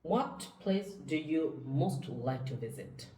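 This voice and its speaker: Low, slow-speaking woman as test examiner, formal; recorded from a distance in an echoey room. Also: expressive, warm tone, slight background noise. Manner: formal, measured questioning. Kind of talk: scripted exam questions. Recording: echoey room, far from the mic.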